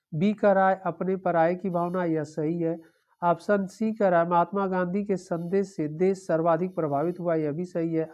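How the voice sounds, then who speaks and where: A woman's voice: on the low side, a little mellow, highs cut off. A woman teaching an exam-prep lesson, going through the answer options one by one and repeating them, with a frequent "okay".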